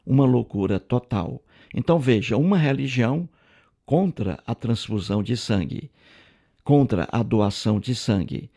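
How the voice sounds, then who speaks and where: Gravelly-voiced man lecturing emphatically. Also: mid-range voice, lively intonation, normal speed, dark tone. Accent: Brazilian Portuguese. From Brazil. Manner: repetitive, emphatic, lecturing, heavy use of fillers. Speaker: video commentator. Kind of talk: didactic commentary on viewer comments.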